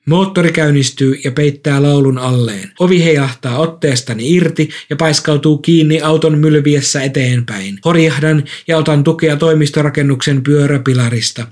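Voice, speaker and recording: A man reading a first-person story aloud in a calm, measured way. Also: on the high side. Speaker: narrator.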